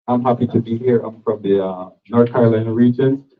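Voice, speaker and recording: A man's voice: medium pitch, fairly quick, phone-quality sound. Man, phone-thin sound. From Guyana. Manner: hesitant with fillers, growing firm. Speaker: audience member at a town hall. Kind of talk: public comment at a community meeting.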